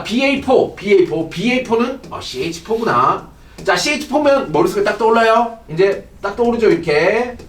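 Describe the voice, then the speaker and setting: Animated male chemistry teacher, echoey classroom. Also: high voice. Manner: animated, asks constant check questions. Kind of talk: classroom lecture. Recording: echoey room, distant mic.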